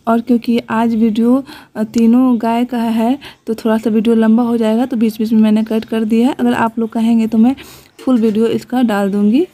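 A woman's voice: a little high, little pitch movement, moderate pace, warm tone. A young woman vlogger talking casually to her viewers, earnestly explaining and defending her ways. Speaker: village vlogger. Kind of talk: casual voice-over vlog.

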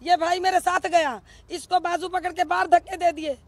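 In an extremely high-pitched voice with fairly even intonation and a moderate pace, a middle-aged mother who has lost her child speaks emotionally to the press. Outdoors on a busy street, into a cluster of press microphones, she accuses and demands answers with rhetorical questions; the recording is dry.

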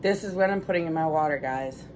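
Her voice is low and her pace quick as this woman in her thirties vlogs casually, frank and chatty, peppering her talk with "like" and "guys." She's moving between the bedroom and kitchen of a small apartment. The camera is a few steps away, giving a distant, echoey sound with background noise.

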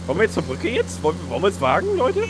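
A man chatting casually while playing a team shooter game, excitable and urgent, swearing often. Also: high-pitched, racing, noisy background. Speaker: gamer. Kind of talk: casual gaming chat.

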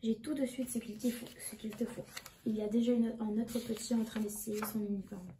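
A woman's voice: fairly high pitch, level tone, brisk, warm tone, close to an everyday voice. A woman reading the lines of a kindly older woman tailor, repeating phrases. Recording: echoey room with background noise.

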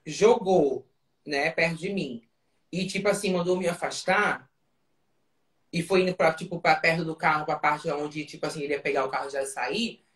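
A woman's voice: low voice, normal speed. A woman guest in an interview, casually telling a story with fillers and frequent check-ins like asking if the listener follows. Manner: tells it vividly, often checking in with "entendeu?". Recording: roomy echo.

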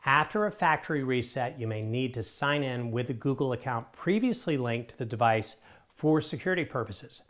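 A man's voice: medium pitch, normal speed, fairly bright tone. A middle-aged man hosting a scripted tech how-to, talking in a direct, upbeat, conversational way on a lapel mic in a studio. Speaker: tech tips host. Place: in front of a studio screen wall, indoors.

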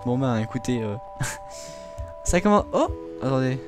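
A man's voice: mid-range voice, big pitch swings, unhurried. Young guy chatting thru a let's play, giggly, game music in the back. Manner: chatty, giggly, talks to viewers. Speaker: gaming video host. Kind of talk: casual let's-play commentary. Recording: game music playing behind.

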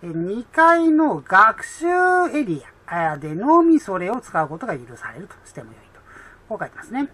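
A woman explaining an English exam in a chatty way with many fillers, reading English lines slowly and. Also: medium pitch, big pitch swings, a bit bright, slightly rough.

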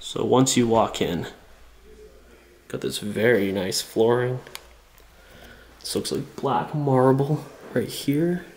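A young urban explorer vlogger with a cold films himself on a small camera held at arm's length while walking through an empty abandoned house, narrating casually. He's enthusiastic and chatty, full of fillers, speaking slowly with long pauses in a mid-range, darkish voice.

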